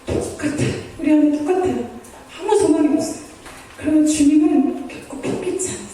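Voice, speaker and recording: A woman's voice: high-pitched, fairly quick, mellow, slight background noise. A woman missionary preaching a sermon, earnest and pleading, acting out prayers in the first person. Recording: echoey hall from far off.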